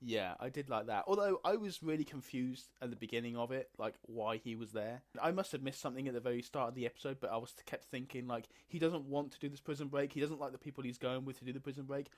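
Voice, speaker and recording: A man co-hosting a casual podcast, excitable and laughing often. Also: mid-range voice, quick pace, hardly any pauses. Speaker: podcast co-host. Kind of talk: casual chat.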